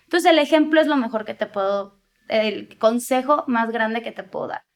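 A woman's voice: fairly high pitch, normal speed. A woman, a child therapist explaining parenting in an interview, often acting out what parents and children say. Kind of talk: advice interview.

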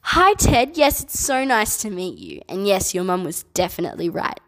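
A bubbly, enthusiastic Australian woman in her twenties works as a children's entertainer, answering kids' questions from home and speaking gently to them. Her voice is medium-pitched and sing-song, at a moderate pace.

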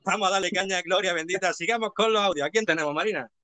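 A man hosts a live show in a bright, forceful voice pitched a little high. He is playful and rattles through long lists of names, and the sound is close and dry. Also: very fast, dry recording. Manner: playful, reads a long name list at speed. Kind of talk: casual live-stream chat.

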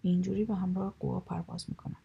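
A woman's voice: fairly low pitch, flat delivery, vocal fry, warm tone, slightly rough, lo-fi sound, exaggerated voice. A woman voicing a proud, talkative male water turtle in a children's storybook, speaking boastfully and snappishly.

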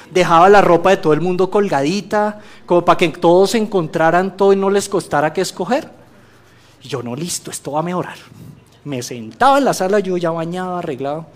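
A man giving a church testimony, telling a story with humor and preaching to the congregation. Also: high voice. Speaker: guest speaker giving a testimony.

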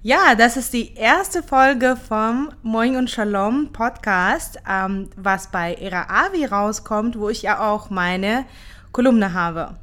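A woman in her thirties from Ukraine, co-hosting a casual podcast chat and pausing often with fillers. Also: a little high, a bit bright. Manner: hesitant, many fillers. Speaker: podcast co-host.

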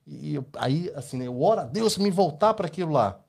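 A man's voice: a little high, animated, fairly quick, creaky, darkish tone. A Brazilian man with a Brazilian Portuguese accent, co-hosting a podcast and telling rambling personal stories with frequent tag questions. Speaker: podcast co-host. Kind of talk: casual podcast chat.

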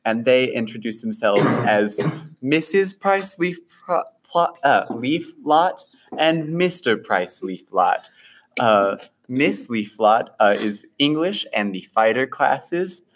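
Slow-talking male game master. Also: lowish voice, expressive. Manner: unhurried, with fillers. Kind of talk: narrating a tabletop game.

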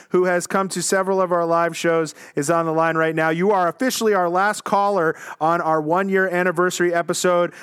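A man's voice: sits high, fairly bright tone, smooth, no room sound, studio quality. A man co-hosting a podcast, chatting casually and joking with callers in long run-on sentences. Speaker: podcast co-host.

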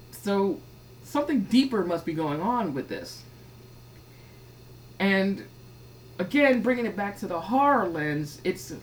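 A woman hosting a talk on scripture, reading passages aloud and then riffing on them in an animated, rambling way with many restarts. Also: mid-range voice, a little hiss or hum, rough recording. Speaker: podcast host. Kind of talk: casual commentary with scripture reading.

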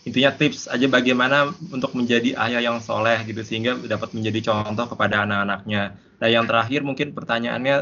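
Bright-voiced male moderator. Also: medium pitch, steady tone, fast. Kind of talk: reading audience questions. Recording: dull recording with faint noise.

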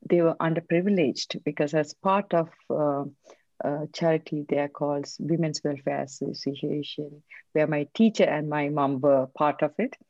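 Soft-spoken woman from Sri Lanka, deep and mellow. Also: steady tone, no room sound, highs cut off. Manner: soft-spoken, reflective, measured. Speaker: guest, leadership coach. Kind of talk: interview answers, personal story.

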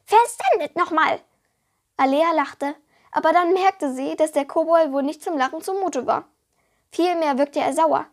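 A woman with a high, light voice reads a story aloud in the manner of an audiobook. Her delivery is lively and storytelling, as if reading to young listeners. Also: normal speed. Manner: lively storytelling, voicing the characters. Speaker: reader of a book excerpt.

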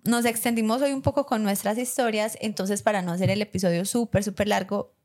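Her pitch sits in the middle and her pace runs fairly quick as this young Colombian co-host spins a laugh-filled tale on the podcast. Lively and giggling often, she replays her own past words in character, all in Colombian Spanish.

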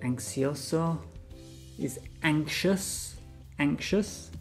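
An English teacher runs a bilingual vocabulary lesson, his fairly high voice moving extremely slowly over faint background music. He patiently repeats each word so learners can practice.

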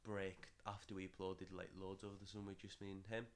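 A young man hosts a casual podcast, rambling and doubling back on his own words, with offhand swearing. His voice sits on the lower side. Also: level tone, a little fast. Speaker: podcast host.

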